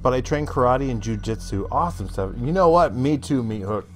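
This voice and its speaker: A male streamer talks his way through a game live, reading out chat and reacting loudly. His voice swings up and down a lot, and faint game music plays behind him. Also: medium pitch, animated, brisk. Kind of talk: live gameplay commentary.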